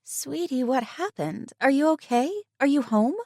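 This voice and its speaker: A woman narrator puts on a young woman's voice for a caring best friend in an audiobook, pitched well above her own, firing off quick, worried questions. The sound is close and dry. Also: expressive, darkish tone, no room sound, heavily acted. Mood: concerned. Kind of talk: audiobook character voice.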